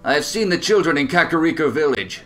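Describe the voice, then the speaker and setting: A man voicing a solemn middle-aged swordsman and father who speaks in an earnest, measured way. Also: fairly high pitch, expressive, bright, forceful tone.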